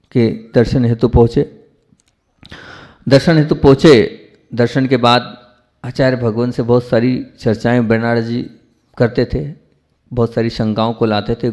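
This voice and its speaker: A man preaching a sermon in a mid-range voice, acting out a story as he goes. He repeats phrases for emphasis, drops to a hush, then surges up loud again. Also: medium pitch, creaky. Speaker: Jain monk preacher.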